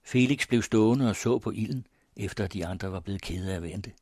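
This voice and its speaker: Husky low-voiced male narrator. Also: a little mellow, dry recording, clean studio sound. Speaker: audiobook narrator. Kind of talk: scripted narration.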